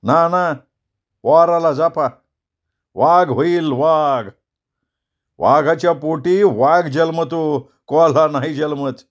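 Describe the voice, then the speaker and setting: A male storyteller voicing a proud, quick-tempered elderly village man who scolds and boasts in rustic speech. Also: a little high, pitched above the performer's own voice. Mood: scornful.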